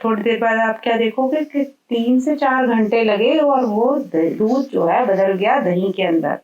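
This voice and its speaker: A woman teacher giving a school science lesson, explaining slowly and mixing English terms into her talk. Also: fairly high pitch, darkish tone, echoey room, recorded from a distance, muffled recording.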